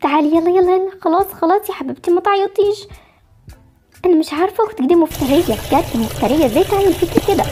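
A woman's voice: very high-pitched, rapid-fire, music in the background. A woman with an Egyptian accent voicing a fretful young mother of twin girls, in an amateur voiced game story. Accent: Egyptian Arabic. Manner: fretful, scolding and soothing by turns.

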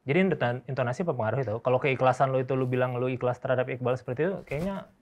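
Fast-talking teasing male interviewer. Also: medium pitch, a little mellow. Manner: teasing, interrupting, rapid-fire questions. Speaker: interviewer and host. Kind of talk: mock-serious comedic interview.

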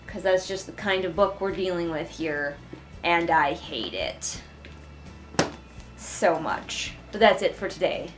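Her voice is mid-range with a fairly bright tone. Sitting indoors on her living room couch, this young book reviewer reads along and offers informal, sarcastic commentary with an exasperated edge, while a camera records her from a short distance.

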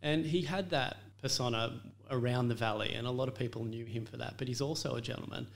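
A chef and restaurant owner talks about his career as a guest in a casual interview, his mid-range voice fast and gravelly. He tells his story earnestly and reflectively, with frequent fillers.

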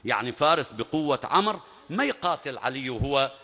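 Male preacher, bright and forceful, dramatic sermon storytelling, echoing hall. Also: medium pitch, expressive, fairly quick. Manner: dramatic, emphatic narration with rising bursts. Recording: long reverb at a large venue.

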